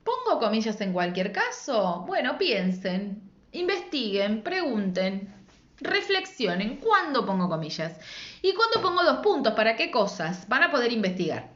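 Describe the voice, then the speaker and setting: A woman teacher with an Argentine Spanish accent walks through spelling rules in a patient, didactic way, her fairly high voice rising and falling a lot. She keeps checking in with quick rhetorical questions. The recording is dull and lo-fi, in an echoey room. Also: big pitch swings. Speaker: secondary school language teacher.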